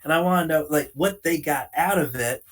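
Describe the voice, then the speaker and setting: A man's voice: fairly high pitch, moderate pace. A man in his late thirties co-hosting a podcast, earnestly explaining his views and leaning on "you know" as he talks. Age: late 30s. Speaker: podcast co-host. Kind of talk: casual conversational talk.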